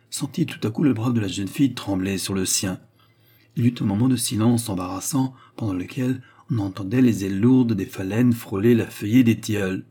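Low, dark, husky-voiced male narrator. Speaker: audiobook narrator. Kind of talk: scripted narration of a novel.

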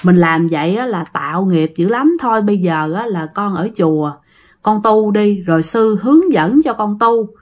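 A woman voicing a gentle male abbot who gives soft, coaxing advice. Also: mid-range voice, expressive, moderate pace, natural voice.

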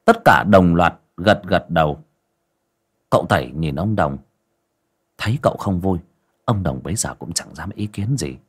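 Male storyteller, deep and lively, dramatic horror reading. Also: normal speed, long pauses, husky.

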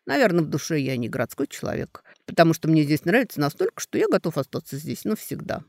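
A man voicing a calm, stubborn young man who quietly stands up to his mother in an audiobook. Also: fairly high pitch, quick pace, creaky, dry recording, clean studio sound. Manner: quiet, calm, softly firm. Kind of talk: audiobook character voice.

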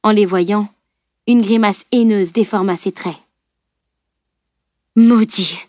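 A woman's voice: mid-range voice, dry recording. Woman narrating an audiobook, dry and close. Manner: measured, steady storytelling.

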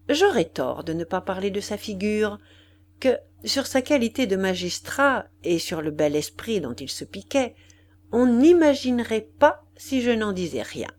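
Slow, lively-voiced woman reading a classic. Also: mid-range voice. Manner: expressive, measured literary reading. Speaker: audiobook narrator. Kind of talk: audiobook reading of a classic memoir.

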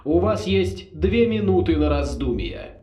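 A man's voice: fairly high pitch, expressive, reverberant. A man voicing a suave villainous old sorcerer. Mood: menacing. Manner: slow, loud, menacingly polite. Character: suave scheming old male ex-rector sorcerer. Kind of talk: audiobook character voice.

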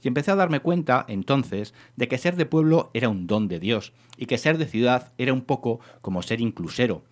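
A man with a medium-pitched voice reads a literary short story aloud as scripted narration. His delivery is measured and expressive, like a storyteller's.

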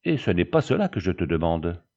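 Brief: male reader voicing a hot-tempered, drunk captain; low, threatening storybook voice, muffled audio. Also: very animated, fairly quick, vocal fry, mellow, exaggerated voice. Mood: angry. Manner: blustering, threatening. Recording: dull lo-fi recording.

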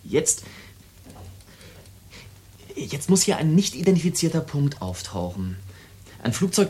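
In a German radio play, an actor voices a military radar operator explaining doomsday machinery casually, broodingly, and haltingly. His male voice sits on the high side with a breathy edge, and he sounds eager to demonstrate.

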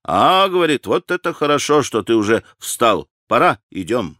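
A male audiobook reader voicing a brash young army officer who speaks in brisk, blunt exclamations. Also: mid-range voice, big pitch swings, a bit bright, no room sound, studio quality. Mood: hearty.

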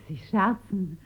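A woman's voice: sits high, husky, phone-quality sound, exaggerated voice. An actress playing a shoe saleswoman who laughs at her customer, in a radio drama. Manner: laughing and condescending. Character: mocking, giggly female shoe saleswoman.

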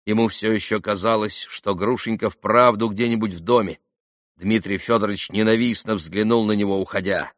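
A man reading a classic novel aloud as expressive scripted narration. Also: lowish voice, normal speed, dry recording, studio quality. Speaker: audiobook reader.

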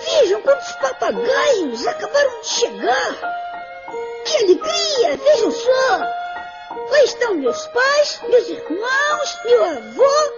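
A woman's voice: very high voice, big pitch swings, slow pace, muffled recording, over loud music, full character voice. A woman voicing a lonely young male parrot in a children's musical story, talking in an eager, sing-song way. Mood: overjoyed.

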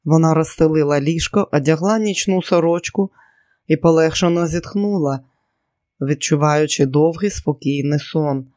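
Male narrator, steady audiobook reading, slightly higher voice, dry close sound. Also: normal speed, no room sound. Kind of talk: scripted narration.

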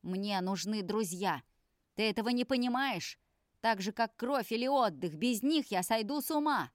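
Woman doing a raging, tearful young male vampire for an audiobook; pitch pushed up, dry close read. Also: normal speed, no echo, close to an everyday voice. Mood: angry pleading. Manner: shouting, pleading outbursts.

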